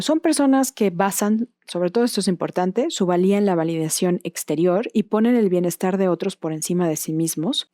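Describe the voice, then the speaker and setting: A Mexican woman hosts her podcast in a relaxed, explanatory monologue, frequently closing a thought with a questioning tag. Her mid-range voice is warm and mellow, recorded dry and close with no room sound.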